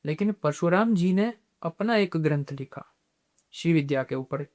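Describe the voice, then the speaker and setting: A man speaks as a podcast guest, explaining spiritual practice in a measured, teacherly way. His voice sits a little high for a man. He drops English terms into his talk as he goes. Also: expressive, darkish tone.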